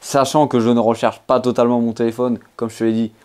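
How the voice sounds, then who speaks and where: A man's voice: mid-range voice, flat delivery, fast, a little mellow, clean tone. Casual man reviewing a phone. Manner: chatty, informal, addresses viewer directly with frequent "bah". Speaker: tech reviewer.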